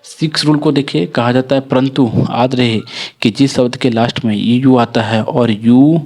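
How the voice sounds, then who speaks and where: A man teaching English pronunciation rules, explaining each rule and spelling out example words slowly, often stopping to correct his own slips. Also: medium pitch, steady tone, darkish tone. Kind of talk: spoken phonics lesson.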